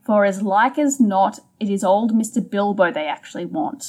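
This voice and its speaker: A woman's voice: mid-range voice, moderate pace. A woman co-hosting a book podcast, steadily retelling the plot in a casual conversational way. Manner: steady storytelling, summarizing the plot. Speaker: podcast co-host.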